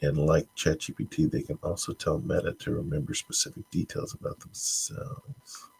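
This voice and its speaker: The stream host has a rumbling low voice with a flat delivery, moderate pace, vocal fry, and a darkish, slightly rough tone. Saying he's congested, he reads tech news out loud, tripping over the read-outs and adding dry, wry remarks in between.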